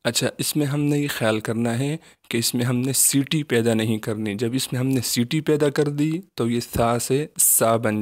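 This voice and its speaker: A man teaching children the Arabic letters in a patient recitation lesson, with a Pakistani Urdu accent, slowly drawing out each letter as he says it. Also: mid-range voice, darkish tone. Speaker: Quran teacher.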